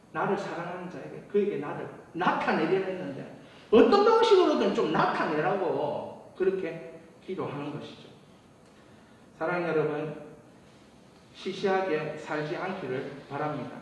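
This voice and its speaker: A man preaching a sermon as pastor, talking in an animated, conversational way with laughter and asides. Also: high voice, very echoey, long reverb tail, distant mic, a little hiss or hum, low-quality recording. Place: church sanctuary.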